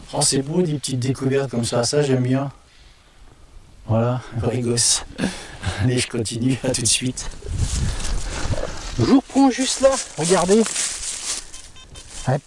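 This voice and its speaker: A man talking to viewers while metal detecting outdoors by woods near a castle, chatty and quick to exclaim, always tacking on little filler words. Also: sits high. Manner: chatty, keeps adding "hein" and addressing viewers; excitable, delighted exclamations. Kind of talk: live commentary to camera while detecting. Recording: distant outdoor mic with faint noise.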